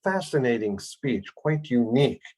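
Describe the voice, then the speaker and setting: A man lecturing on a Bible text, speaking thoughtfully with pauses and fillers. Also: mid-range voice, animated, dark tone, low-quality recording. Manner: lifts his voice to act out quoted speech. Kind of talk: explanatory lecture.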